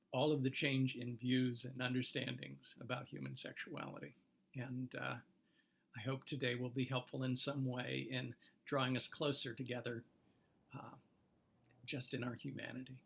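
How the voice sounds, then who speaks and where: An older man, a pastor, giving a sermon in an unhurried, thoughtful storytelling manner. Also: medium pitch, gravelly, a bit bright, husky.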